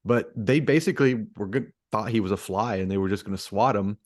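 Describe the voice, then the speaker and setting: A man co-hosting a podcast, telling a story in a relaxed, casual way with restarts and fillers. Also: lowish voice, a little fast, no room sound, clean studio sound. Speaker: podcast co-host. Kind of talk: casual chat.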